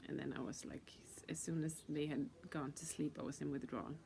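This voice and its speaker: A woman telling her own story in a casual, halting way, with lots of fillers, restarts and swearing, and repeating words for emphasis. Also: sits low, steady tone, gravelly, mellow, slight background noise.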